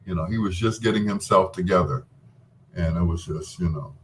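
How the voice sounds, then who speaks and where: A middle-aged man with a low voice hosts a late-night radio show, chatting casually and a little quickly. He's laid-back and folksy, teasing his listeners, with slight background noise.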